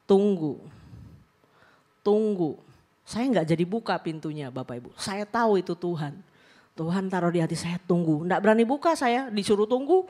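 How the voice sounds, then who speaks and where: A woman's voice: a little high, fairly bright tone. A woman pastor preaching a sermon, telling a personal story in a casual way and often turning to the congregation. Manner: colloquial, mixes in English phrases.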